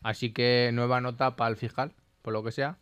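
A man co-hosting a comedy radio show, recorded close and dry with no room echo, his pitch in an ordinary middle range. He reads out notes and picks them apart in a relaxed, joking back-and-forth. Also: a little fast, clean tone. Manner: reads out and jokes about notes. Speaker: radio co-host. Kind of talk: casual comic radio banter.

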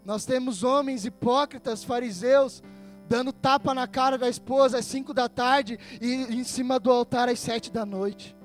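A man pastor preaching a sermon with a Brazilian Portuguese accent, swinging between loud, emphatic passages and hushed asides. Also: very high voice, steady tone, moderate pace, faint music behind.

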